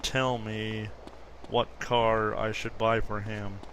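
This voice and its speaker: This gaming YouTuber, a man in his fifties, chats casually over gameplay, rambling and correcting himself along the way. His voice sits on the low side, with a flat, slow delivery. Background noise can be heard.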